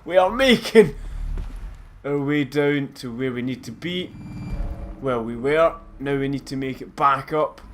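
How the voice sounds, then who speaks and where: A man's voice: medium pitch, fairly even intonation, a little slow, slight background noise. A man with a Scottish accent giving casual, chatty and self-mocking commentary over a game as a let's play host. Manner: chatty, self-mocking, bursts into loud laughs.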